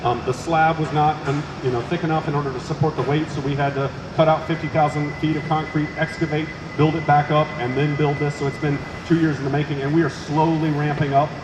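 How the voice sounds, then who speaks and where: A man from Oklahoma answers reporters at a brisk clip, stumbling and restarting as he goes. He speaks inside a big warehouse, where the sound bounces around and machinery hums behind him. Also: a little high, little pitch movement. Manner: fast, with many restarts and fillers. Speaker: company executive. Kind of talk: answering press questions. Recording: echoey warehouse with loud machine hum.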